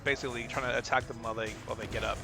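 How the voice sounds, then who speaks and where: Speaking very fast in a creaky, mid-range voice with a steady tone, a gaming video creator breaks down a match replay. His coaching commentary is casual and unscripted, hesitant and repetitive as he thinks aloud, while loud fighting game music and combat effects play behind him.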